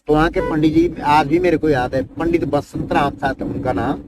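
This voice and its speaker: A man's voice: a little high, moderate pace. An older man, a Himalayan yogi, telling his life story in a rambling, folksy way and tagging his sentences with "isn't it". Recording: noisy ambient background.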